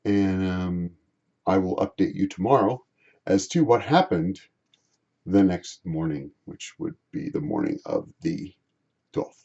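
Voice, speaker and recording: A man vlogging, rambling through a personal story in a halting way, often repeating and restarting his phrases. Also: low voice, vocal fry, mellow, slightly rough, muffled recording.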